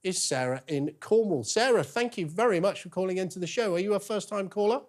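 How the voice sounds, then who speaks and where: A man's voice: high voice, brisk. A man hosting a live phone-in discussion, courteous but firm, repeating his point to a caller. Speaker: radio phone-in host and politician.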